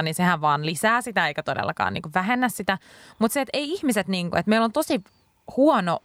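Loud, blunt woman in casual chat. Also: mid-range voice, no room sound.

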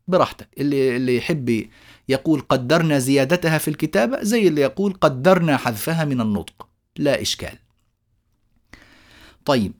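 A man teaching Quran recitation in a lecture. He slowly draws out the example words and poses questions to his students before answering them himself. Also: medium pitch, darkish tone. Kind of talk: explanatory lecture.

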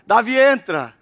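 A man from Brazil preaching a lively sermon, acting out the voices in the story. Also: high-pitched, slightly rough. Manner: animated, acts out characters in quotes. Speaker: pastor. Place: church abroad.

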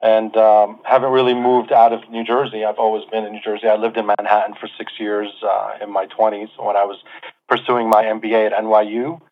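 A Lebanese-born man in his forties tells his life story as an interview guest, chatty and self-deprecating, full of fillers. His voice sits on the low side with a level tone and a slightly fast pace. The tinny, phone-like line carries a little hiss or hum.

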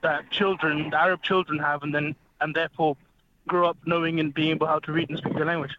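This phone-in guest on a radio show is a man who explains at length in an earnest, fluent manner. He talks fast in a slightly high voice with little pitch movement, and the line sounds dull with faint hiss.

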